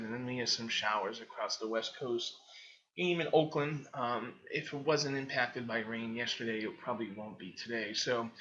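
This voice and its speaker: A man's voice: medium pitch, bright, forceful tone, highs cut off. A man with a Boston accent giving a casual weather rundown, talking loosely with many fillers. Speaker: weather analyst. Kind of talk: casual screen-share commentary.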